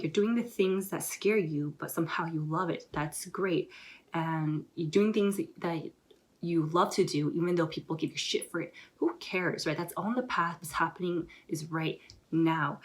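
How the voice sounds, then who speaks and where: Rambling, excited young woman vlogger. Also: fairly low pitch. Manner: rambling, excited, heavy use of filler words. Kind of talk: casual motivational talk to camera.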